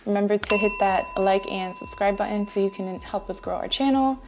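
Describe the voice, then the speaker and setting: With background noise audible, a thirtysomething woman walks through exercises at a fairly quick clip, her voice sitting in the mid range. This fitness vlogger's casual, chatty voice-over explains each move from a room in her home.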